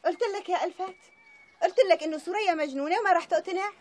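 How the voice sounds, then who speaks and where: An actress with a Syrian accent playing a sharp, dismissive aunt, in a TV drama. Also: female voice, extremely high pitch, very fast. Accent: Syrian Arabic.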